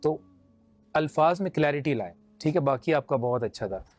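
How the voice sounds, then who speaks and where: A man's voice: fairly high pitch, lively intonation, moderate pace, darkish tone, faint music behind. A man with a Pakistani Urdu accent, judging a naat competition and explaining his points with homely examples and mild humor. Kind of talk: judge's critique.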